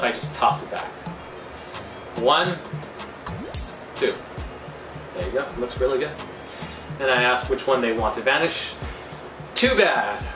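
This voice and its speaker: A man's voice: mid-range voice, distant mic. A man giving a casual, rambling magic tutorial, thinking aloud in an informal, loose way as he explains. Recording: echoey room, off-mic, music behind.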